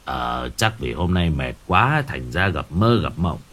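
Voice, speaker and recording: A man voicing a gruff, drunk older father who curtly scolds his wife. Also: rumbling low, sing-song, measured pace, a bit bright, voice pushed down, exaggerated voice. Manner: gruff, curt.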